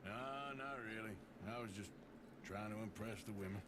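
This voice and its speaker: An actor voicing a gruff, dry-humored outlaw in a video game. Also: male voice, fairly low pitch, normal speed, heavy background noise, natural voice. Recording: game audio under loud ambience.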